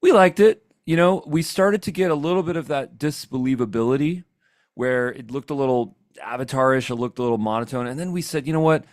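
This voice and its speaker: A man leading a live software training session, talking in an energetic, chatty, demonstrative way. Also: mid-range voice, a little fast, dry recording, studio quality.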